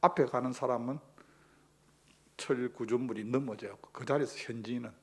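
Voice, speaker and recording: Male pastor, slightly breathy voice, mid pitch, emphatic sermon. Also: steady tone, fairly quick, a little mellow. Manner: emphatic preaching with rhetorical questions.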